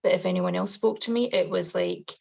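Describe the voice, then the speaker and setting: Creaky-voiced Highland Scottish woman. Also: steady tone, brisk, a little mellow, dull audio. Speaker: podcast guest, confidence coach. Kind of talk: casual interview, personal storytelling.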